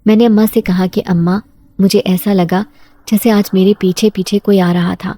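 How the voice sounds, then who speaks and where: A woman with a mid-range voice narrates a scripted first-person horror story, keeping a steady storytelling tone close to the mic.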